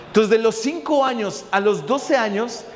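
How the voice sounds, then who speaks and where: A man's voice: extremely high pitch, moderate pace, big-room sound. A man, preaching a passionate sermon and telling a personal story, often adding "¿verdad?". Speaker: pastor.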